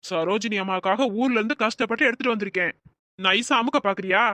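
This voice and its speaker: Woman doing a stubborn cartoon village gardener, bright-toned and blunt, talking back gruffly, dry sound. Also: mid-range voice, fast, dry recording, close to an everyday voice. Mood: cranky. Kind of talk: cartoon voice acting.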